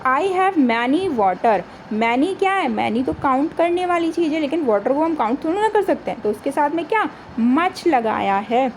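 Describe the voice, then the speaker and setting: Woman, grammar teacher for exam prep, high voice, faint background noise; asks then answers her own questions. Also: expressive, rough recording. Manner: reads example sentences slowly.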